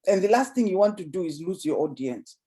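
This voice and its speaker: A woman giving casual spoken advice on public speaking, often restarting words and dropping her voice low before lifting it again. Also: animated, a little fast, mellow. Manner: repeats and restarts words, drops voice low then lifts it to demonstrate.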